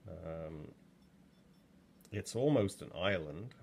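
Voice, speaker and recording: Deep, expressive and slow, with vocal fry and a slightly mellow quality, an English man in his sixties talks while working in his pottery studio. His casual demo chat rambles with many ums, recorded from just over his shoulder with slight background noise.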